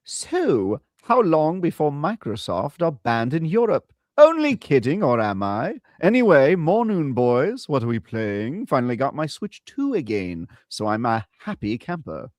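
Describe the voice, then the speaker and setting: A man putting on a posh southern English accent to read a viewer's message aloud, slow and drawn out. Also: on the high side, wildly swooping pitch, darkish tone, no room sound, studio quality, pitched above the performer's own voice. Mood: mock posh. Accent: put-on posh southern English.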